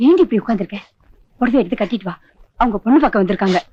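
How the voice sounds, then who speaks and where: A woman's voice: mid-range voice, animated, rapid-fire, breathy edge, no room sound. An actress playing a village mother who scolds her daughter and apologises to guests, in a 1980s film. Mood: scolding. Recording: dull film soundtrack with music.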